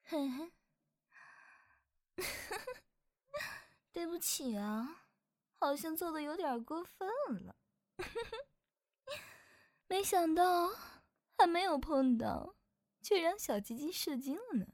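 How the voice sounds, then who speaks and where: A woman's voice: very high-pitched, big pitch swings, slow, long pauses, darkish tone, dry recording, clean studio sound, full character voice. A woman voicing a clumsy young female succubus trainee who is a little tsundere and giggly, in an audio drama. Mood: teasing, giggly. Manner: giggly and teasing. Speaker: voice actress.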